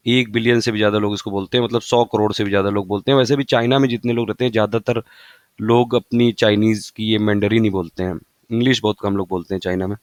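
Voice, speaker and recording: Low-voiced man tutoring. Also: fairly even intonation, quick pace, dry recording. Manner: rambling, repeats facts, fillers. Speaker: exam-prep tutor. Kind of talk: casual explanatory lesson.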